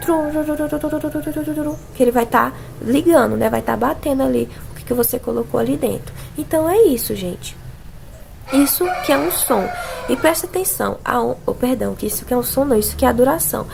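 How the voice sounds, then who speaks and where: Gravelly Brazilian woman teaching music. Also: a little high, lively intonation, fast talker, darkish tone, a little hiss or hum. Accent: Brazilian Portuguese. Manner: explains patiently, sings and imitates sounds to demonstrate. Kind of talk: casual online music theory lesson.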